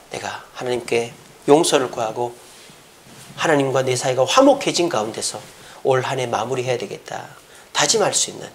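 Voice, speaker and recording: A male pastor preaching a Sunday sermon, animated and often putting questions to the congregation. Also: medium pitch, slight background noise.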